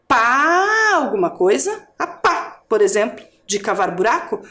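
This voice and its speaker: A woman teacher with a Brazilian Portuguese accent from Curitiba, giving an adult education video lesson, drawing out syllables slowly and asking the viewer questions. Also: high-pitched. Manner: slow, drawn-out syllables for drilling.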